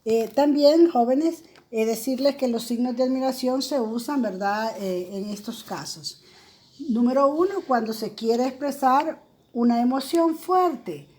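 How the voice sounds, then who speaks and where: A woman's voice: sits high, a little slow, darkish tone. A woman teacher explaining grammar in a recorded lesson, speaking in an explanatory way with many fillers and tag questions.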